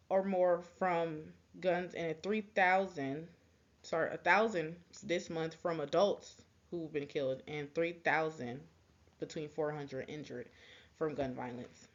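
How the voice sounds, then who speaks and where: A young woman giving a persuasive class speech, halting, with many ums, restarts and quick apologies. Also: on the low side, muffled recording.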